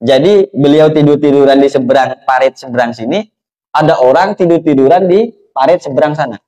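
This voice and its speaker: A man's voice: on the high side, darkish tone, low-quality recording. A man preaching a sermon as a kyai, telling a story and often putting questions to the congregation.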